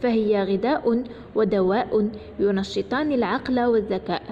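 A mysterious, kindly stranger from a children's tale, voiced by a woman storyteller, gentle and soothing as he coaxes. The reading has a dull, echoey sound with a long reverb and faint noise underneath. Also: mid-range voice, moderate pace, lightly acted. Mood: reassuring. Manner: gentle, reassuring.

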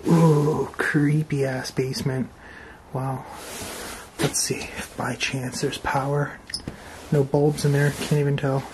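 A man hosting an exploring vlog, walking through an abandoned farmhouse and reacting with excited, wondering remarks into his camera mic. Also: medium pitch, takes it slowly, noisy background. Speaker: urban explorer host. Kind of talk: walkthrough vlog narration. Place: abandoned stone farmhouse, indoors.

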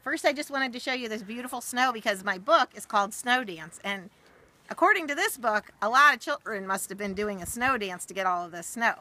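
A camera or phone set a short way off records a middle-aged woman outdoors in a snowy backyard, reading a rhyming picture book to children with casual asides. She talks fairly quickly in an animated, bright, forceful voice that sits on the high side. Faint background noise runs under the outdoor video.

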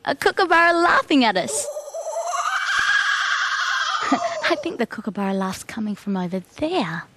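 Australian woman, kids' TV presenter, high lively voice, slow and playful, loud music behind. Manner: animated and wondering, talks to an unseen bird. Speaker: children's TV presenter.

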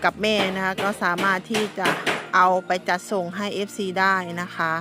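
A woman's voice: mid-range voice, flat delivery, normal speed, loud music behind the voice. A middle-aged woman talking casually to her viewers, polite and chatty, with many fillers and restarts. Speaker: vlogger. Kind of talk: casual vlog chat to viewers.

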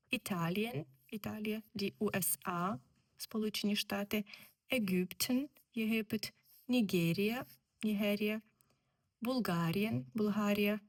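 A woman teaching German, explaining textbook exercises slowly and repeating each word. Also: mid-range voice. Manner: slow, deliberate, repeats words.

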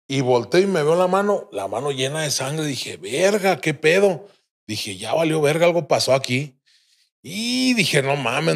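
A young adult man with a Mexican accent, a podcast guest telling a crude, vivid story full of slang and swearing. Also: fairly high pitch. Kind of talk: casual storytelling.

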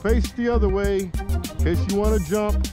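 A young man giving excited running commentary while fishing from a kayak outdoors, recorded on an action camera. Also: sits high, moderate pace. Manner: excitable, exclaiming, talks to viewers. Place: kayak on open shallow water outdoors. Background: music.

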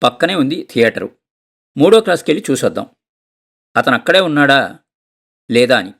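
A man's voice: mid-range voice, very animated, moderate pace, gravelly, a bit bright, full character voice. A man voicing a stern, practical middle-aged husband who lectures and insists in a storybook reading. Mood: insistent. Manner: insistent, scolding.

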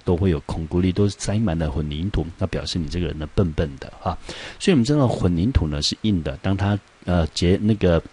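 A man with a low, husky voice and a Taiwanese Mandarin accent, teaching English vocabulary. He explains patiently, says key words several times and drops in homely asides. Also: darkish tone.

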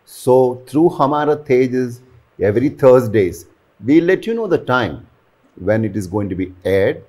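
A man's voice: mid-range voice, animated, a little slow, darkish tone. Male journalist host. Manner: earnest, promotional, with frequent "you know" fillers. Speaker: host, aerospace and defense journalist. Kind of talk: promotional interview chat. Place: living room, indoors.

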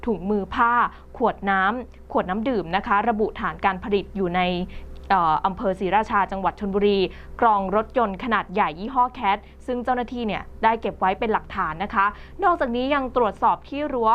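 Presenting the news, this woman speaks in a mid-range voice at a fairly quick pace, reading conversationally and sprinkling in frequent polite particles. Faint music plays behind a slightly dull recording.

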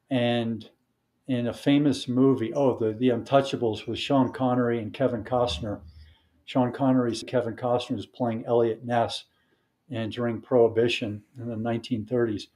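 A man speaking as a wellness coach and podcast guest, giving advice in a measured way and listing points one by one. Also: medium pitch, warm tone.

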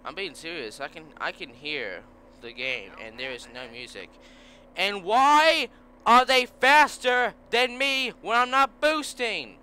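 Young male gamer, high lively voice, bright tone, frustrated racing commentary, faint hiss behind. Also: a little slow. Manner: frustrated, swears and yells at opponents. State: voice strained. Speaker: let's play gamer. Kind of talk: gameplay commentary.

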